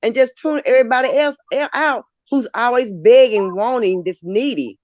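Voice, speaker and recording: A woman's voice: fairly high pitch, normal speed, dry recording. An encouraging woman hands out preachy life advice in a casual group chat. Her voice comes through muffled, dry call audio. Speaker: stream participant.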